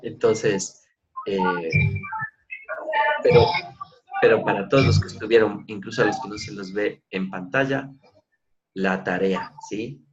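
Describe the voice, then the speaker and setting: A man's voice: fairly low pitch, fairly even intonation, unhurried, long pauses, muffled recording, soft background music. A middle-aged man leading an online coaching class, explaining and acting out ways of asking questions. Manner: demonstrative, acts out tones of questions. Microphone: video call.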